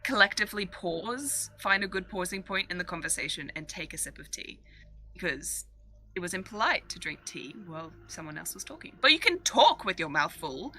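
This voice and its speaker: A woman's voice: lowish voice, sing-song, normal speed, pushed and bright, soft background music. A woman playing in a tabletop game stream, chatting casually and sharing trivia. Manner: chatty, muses over trivia. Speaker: player.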